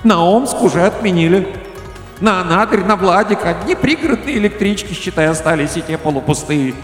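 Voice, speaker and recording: A man's voice: expressive, brisk. A man voicing a weary, grumbling female spirit of parting in a radio story reading. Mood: complaining. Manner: complaining, high and loud. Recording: echoey room with faint music.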